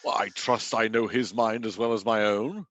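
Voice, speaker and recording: An actor playing a gracious king who speaks in a measured, commanding way in a radio play. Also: lowish voice, fairly even intonation, fairly bright tone, dry recording, highs cut off, close to an everyday voice. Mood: amused. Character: regal, gracious disguised king. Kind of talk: stage radio-play acting.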